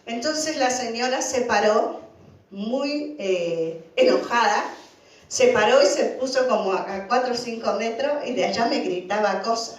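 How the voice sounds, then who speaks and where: A woman with an Argentine accent telling a church testimony, an animated storyteller who acts out the dialogue. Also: on the high side, a little slow. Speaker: church member giving a testimony. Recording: echoey room far from the mic.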